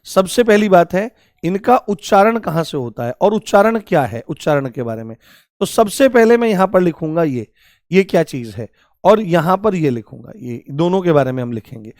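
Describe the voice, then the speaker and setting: A man's voice: sits high, a little mellow, dry recording, clean studio sound. A man teaching a grammar lesson, asking questions and answering them himself, fondly calling his students "babu". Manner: calls listeners "babu" affectionately.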